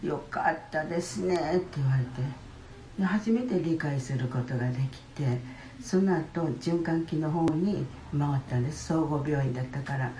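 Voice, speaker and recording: An older woman, giving a halting personal testimony in church with many pauses. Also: sits low, mellow, a little hiss or hum. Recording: roomy church hall.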